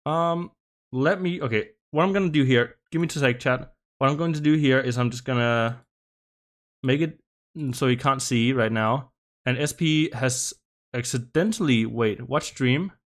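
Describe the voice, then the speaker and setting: A man commentating a live-streamed game match, slightly out of breath, talking in halting bursts with many restarts and asides to his chat. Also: mid-range voice. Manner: halting, many restarts and laughs, chats with viewers. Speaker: esports commentator.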